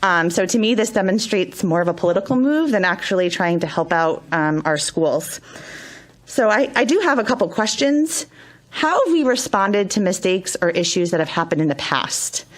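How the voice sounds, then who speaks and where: A woman school board member giving a firm, deliberate prepared statement at a public board meeting, speaking into a table microphone. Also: mid-range voice, expressive.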